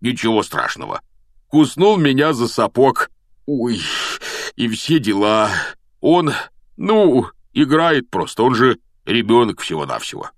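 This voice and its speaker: A man voicing a big, gruff, sentimental gamekeeper who blusters and fusses, recorded dry and close. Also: medium pitch, very animated, a little slow, no room sound, voice pushed up. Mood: forced cheer.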